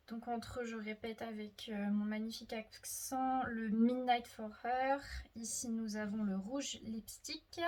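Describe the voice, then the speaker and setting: A woman giving a casual tarot reading, thinking aloud with many fillers and soft murmurs to herself as she draws cards. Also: a little high. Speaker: tarot reader.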